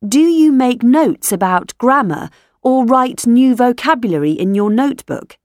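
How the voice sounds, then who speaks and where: A woman reading scripted questions for a language lesson recording, enunciating each one clearly. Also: on the high side, expressive, a little slow, darkish tone, no room sound, clean studio sound. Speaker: language textbook audio narrator.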